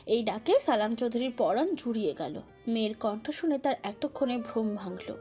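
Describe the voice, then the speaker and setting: Woman storyteller, high voice, emotive scripted narration over soft music. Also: expressive, moderate pace, husky. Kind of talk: dramatic scripted narration of a romantic audio story.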